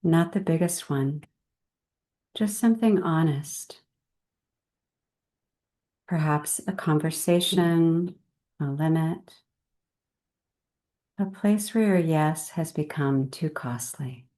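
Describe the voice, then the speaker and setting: A deep-voiced woman guides a meditation in a gentle, unhurried way. She uses measured phrases and leaves long pauses.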